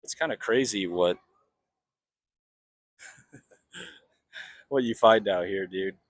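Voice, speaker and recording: An American man working as a street interviewer, talking casually and off the cuff in a rambling, halting way with repeated phrases. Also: fairly low pitch, no room sound. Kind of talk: casual, unscripted street talk.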